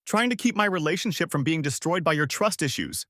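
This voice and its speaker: A man's voice: a little high, expressive, a little fast, pushed and bright, dry recording, studio quality, pitched above the performer's own voice. A man reading the lines of a defensive, angry young woman in a story. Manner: heated, accusing.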